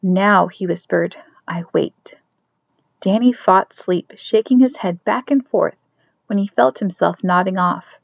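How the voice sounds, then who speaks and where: A woman narrating a chapter of a novel in a steady storytelling manner, dropping to soft whispers for a character's thoughts. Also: mid-range voice, unhurried, vocal fry, no echo. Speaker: audiobook reader. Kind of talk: scripted narration. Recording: dry, dull lo-fi recording.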